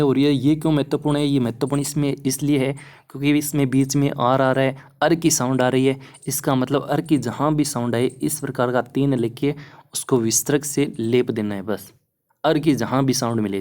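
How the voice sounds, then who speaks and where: A young male exam-prep teacher walks students through phonetics examples at a steady clip. He keeps it casual and reassuring and often checks in with the class as he goes. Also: mid-range voice. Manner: encouraging, repeats "है ना" often. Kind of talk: explaining lesson over slides.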